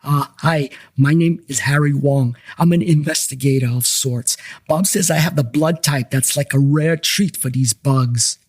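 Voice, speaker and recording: A man's voice: mid-range voice, a little slow, hardly any pauses, breathy edge, no room sound. A man playing a wry first-person investigator who narrates the story with dry asides in an audio drama.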